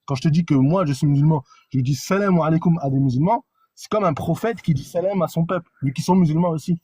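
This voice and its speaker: A man's voice: fairly high pitch, quick pace, mellow, slightly rough, dry recording. A man calling into a live online debate, explaining his view and tagging points with "hein" and "ok". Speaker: debate caller.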